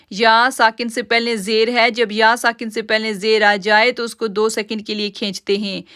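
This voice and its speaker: A woman teaching recitation rules, her voice bright and crisp, set a little high. She stretches each word out slowly as she demonstrates it, then explains the rule in a calm, measured way. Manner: addresses listeners as sisters. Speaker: tajweed teacher. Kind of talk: online Quran recitation lesson.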